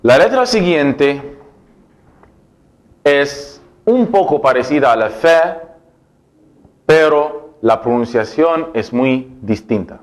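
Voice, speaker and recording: A man teaching Arabic letters to Spanish speakers, speaking slowly and patiently and repeating each sound for the learners to copy. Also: on the high side. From Egypt. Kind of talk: slow board lesson for Spanish speakers.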